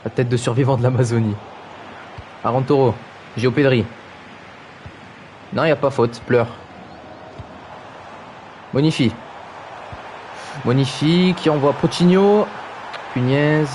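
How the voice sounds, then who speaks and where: On a streaming microphone with a little hiss or hum, a man with a mid-range, darkish voice commentates a video game football match live, unhurried and pausing often. He jokes around, mocks the players' names, reads the chat aloud and exclaims "aïe aïe" in playful play-by-play.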